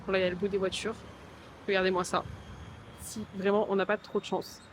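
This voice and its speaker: Speaking a little fast in a mid-range, level voice, this French travel vlogger chats to her handheld camera with slight background noise. The young woman is bubbly and full of fillers like "euh," raving "trop bon" as she moves between the outdoors and a lakeside hotel room.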